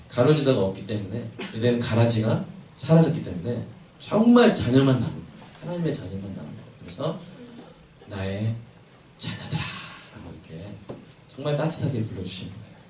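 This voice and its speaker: Pastor preaching in an echoey church. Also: male voice, mid-range voice. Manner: conversational, asks the congregation questions. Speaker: senior pastor. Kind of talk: Sunday sermon with prayer. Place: church sanctuary. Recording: echoey hall, mic at a distance, faint hiss.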